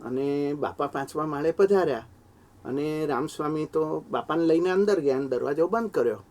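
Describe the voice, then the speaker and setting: A man's voice: fairly high pitch, moderate pace, a little mellow. A middle-aged man earnestly recounting a personal memory, his voice rising when he is moved. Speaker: devotee sharing memories. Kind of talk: heartfelt personal storytelling.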